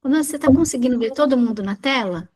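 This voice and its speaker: A woman hosts an online meeting, heard over a video call. Her voice sits a little high. She is friendly as she organizes the group. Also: fast talker, a little mellow.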